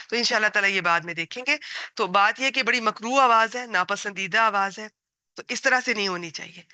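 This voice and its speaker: A woman teaching a Quran lesson to women, gentle and earnest as she gives advice. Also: medium pitch.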